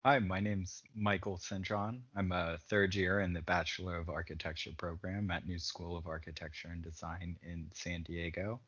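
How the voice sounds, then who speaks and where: Young man, very deep voice, bright edge, relaxed student, casual fillers. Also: normal speed, hardly any pauses. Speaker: architecture student. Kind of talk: panel discussion answers.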